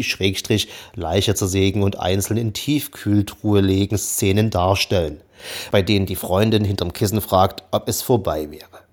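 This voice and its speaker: Low-voiced man reading an ironic review. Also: a little mellow. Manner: ironic, long-winded phrasing. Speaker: book reviewer. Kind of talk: read-aloud book review.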